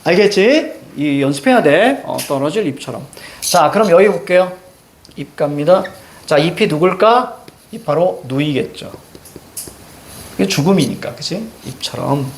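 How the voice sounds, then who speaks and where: A male teacher leads a classroom lesson with a lively, swooping delivery. His voice sits a little high for a man. He keeps stopping to quiz his students and check they follow. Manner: animated, questioning students, drawing on a board. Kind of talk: classroom lecture.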